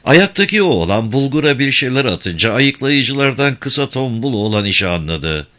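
A man narrating a novel in a steady, measured audiobook reading. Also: mid-range voice.

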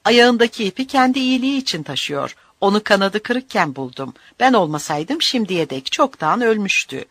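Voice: mid-range voice, very animated, normal speed, fairly bright tone, no echo, pitched above the performer's own voice. A narrator doing a scornful old village elder. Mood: lecturing. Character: older cruel male village elder.

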